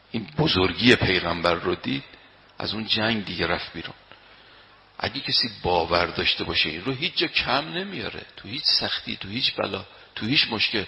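Forceful preacher in a reverberant hall. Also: male voice, on the low side, vocal fry. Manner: emphatic, swings between loud declaiming and quiet storytelling; chants quoted Arabic verses slowly. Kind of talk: sermon.

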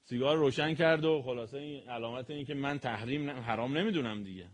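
A man giving a sermon on history, telling it in an animated way with sudden loud and soft swings. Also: mid-range voice.

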